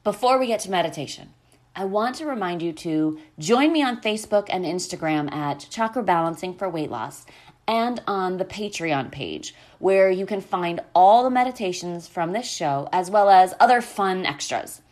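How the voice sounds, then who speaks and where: Lowish-voiced woman hosting a podcast. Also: lively intonation, moderate pace, darkish tone. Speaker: podcast host. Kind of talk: conversational podcast talk.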